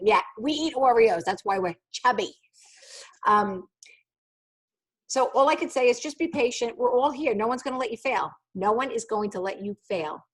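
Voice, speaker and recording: A woman's voice: a little high, slightly rough. Blunt, teasing middle-aged woman trainer. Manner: blunt, teasing and jokey, mimics voices in quotes. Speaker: sales trainer leading a new consultant call. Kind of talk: casual motivational training talk on a video call.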